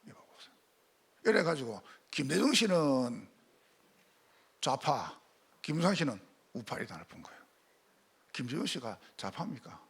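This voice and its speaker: Animated gravelly-voiced pastor preaching. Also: male voice, mid-range voice, normal speed, long pauses. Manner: animated, rhetorical questions to the congregation. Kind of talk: sermon.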